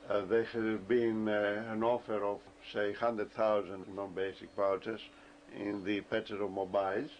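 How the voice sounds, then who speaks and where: A man giving a deliberate explanatory lecture, often pausing with hesitations as he works through his points, on a dull lo-fi recording. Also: lowish voice. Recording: dull lo-fi recording with faint ambient noise.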